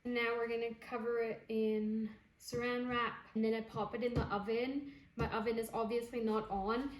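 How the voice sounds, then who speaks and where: The recording has a roomy sound as a young woman, speaking on the high side at normal speed, guides listeners through a home baking recipe. She's chatty and relaxed in her kitchen, explaining each step as she goes.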